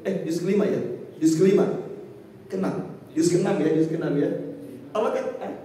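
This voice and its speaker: A male preacher with a high, mellow voice gives an evening lecture in a mosque, reciting Arabic verses between his explanations. He is picked up from a distance, and his voice rings through a large, very echoey hall with a long reverb tail. Faint background noise sits under the recording. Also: moderate pace. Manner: addresses listeners as "Pak" constantly, recites Arabic verses. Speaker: Islamic preacher.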